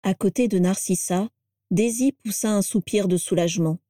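A woman narrates a storybook with a mellow, dark tone and a steady, expressive delivery. The recording is close and dry, with no room sound. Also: medium pitch, normal speed, dry recording. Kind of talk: audiobook narration.

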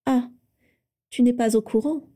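A self-satisfied schoolboy wizard who loves to tease, as a woman reads him aloud. He talks in a higher register than the narration, smug and playful. The tone stays warm and mellow throughout. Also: steady tone, unhurried, lightly acted. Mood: smug teasing. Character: smug teasing teenage boy wizard.

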